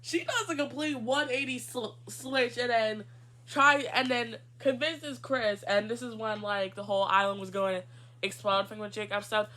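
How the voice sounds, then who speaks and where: Brief: woman co-host, casual recap chat, bright and lively, laughs easily. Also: a little high. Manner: animated, laughs often, drawn-out emphasis.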